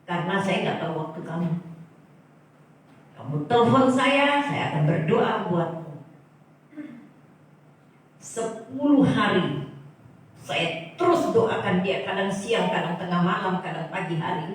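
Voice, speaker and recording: A woman's voice: medium pitch, lively intonation, unhurried, long pauses. A woman preaching a sermon to her congregation, speaking emphatically and often exclaiming. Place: church hall. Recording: echoey hall, far from mic.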